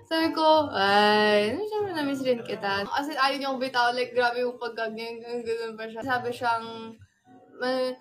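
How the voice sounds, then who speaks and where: High-voiced young woman, animated storytelling. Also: a little slow, over music. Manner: animated retelling, acting out quotes, laughing often. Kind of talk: casual storytelling on a livestream.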